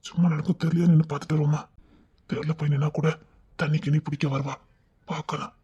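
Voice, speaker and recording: A man's voice: on the high side, little pitch movement, quick pace, dark tone, husky, dull audio. A man playing a young man who is lovesick and restless, sighing and muttering to himself. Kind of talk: web series drama acting.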